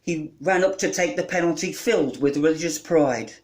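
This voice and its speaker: A man performing his own comic writing with a deadpan delivery. His voice sits a little high, and he rattles through long lists at a brisk clip. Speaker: spoken-word performer.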